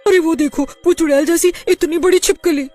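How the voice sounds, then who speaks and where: A woman's voice: fairly even intonation, normal speed, darkish tone, soft background music. A woman doing a shrieking, terrified teacher. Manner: shrill, stammering screams for help. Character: cruel female schoolteacher, panicky and terrified.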